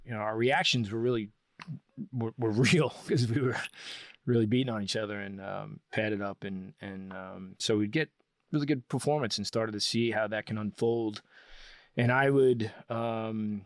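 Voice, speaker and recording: Male guest, lower register, casual storyteller, eager and rambling, dry close sound. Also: dry recording. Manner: enthusiastic, rambling explanations with frequent restarts.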